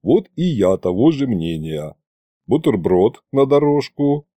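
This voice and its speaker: A man voicing a calm middle-aged male head cook who speaks slowly and softly. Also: medium pitch, no echo. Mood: mild.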